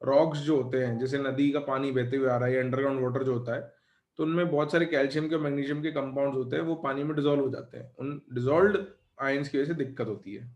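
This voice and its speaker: A male chemistry teacher giving a live lecture, dictating questions slowly and chatting with his students. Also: mid-range voice, steady tone, a little mellow, echoey room, dull audio.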